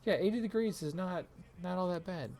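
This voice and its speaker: A woman's voice: fairly low pitch, a little fast, mellow, soft background music. Rambling, laughing woman streamer. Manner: rambling and self-deprecating, laughs often. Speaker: live streamer. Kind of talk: casual chat while gaming.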